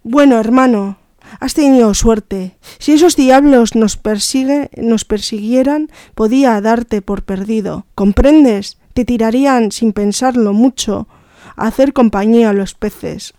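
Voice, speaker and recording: A woman's voice: on the high side, unhurried, warm tone, dry recording, clean studio sound. A woman reading aloud voicing a cold, threatening male smuggler with curt, commanding orders. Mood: calm warning.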